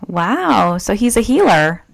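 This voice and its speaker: A woman's voice: medium pitch, very animated, slow pace, gravelly. A woman casually hosting a question-and-answer session, reading out questions from the audience.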